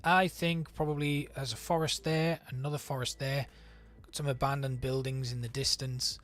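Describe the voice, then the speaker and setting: A man's voice: medium pitch, level tone, normal speed, fairly bright tone, soft background music. A man streaming a city-building game, chatting and thinking aloud as he plays. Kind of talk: let's play commentary.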